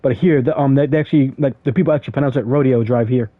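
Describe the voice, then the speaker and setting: A gaming streamer gives casual commentary as he plays, rambling with lots of fillers and stammered restarts. His mid-range voice is very fast with fairly even intonation. The recording is dry, with tinny phone-like audio.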